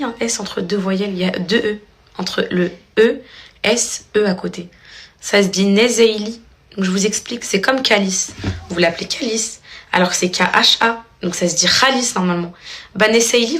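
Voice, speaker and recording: In her home vlog, a weary thirty-something mother talks casually and warmly to her audience, addressing them as "les filles." She has a mid-range, fairly bright voice.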